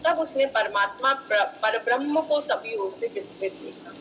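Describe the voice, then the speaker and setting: A woman's voice: sits high, sing-song, moderate pace, fairly bright tone, muffled recording, slight background noise. A woman teaching an online class, explaining scripture and chanting Sanskrit verses, with English terms mixed in. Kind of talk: online lecture.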